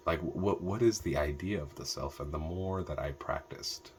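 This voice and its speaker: A man's voice: very deep voice, normal speed, darkish tone, a little hiss or hum. A man from Ethiopia giving a reflective meditation talk, thoughtful and hesitant, with many fillers and restarts. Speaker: meditation teacher.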